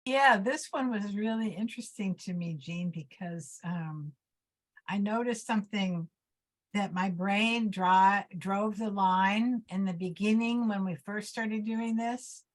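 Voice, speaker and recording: A woman's voice: medium pitch, unhurried. A woman in an art workshop, speaking reflectively about her experience. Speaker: workshop participant. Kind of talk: casual group discussion.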